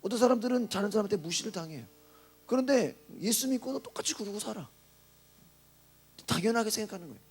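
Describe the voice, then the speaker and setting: A male pastor preaches an early-morning sermon. His voice sits high and has a husky edge. He keeps turning to the congregation with quick rhetorical questions. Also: animated.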